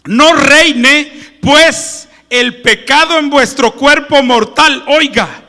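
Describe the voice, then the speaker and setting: A male preacher giving a joking Sunday sermon and reading scripture, swinging from loud proclamations to hushed asides. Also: very high-pitched, slow. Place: church sanctuary. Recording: long church-hall reverb.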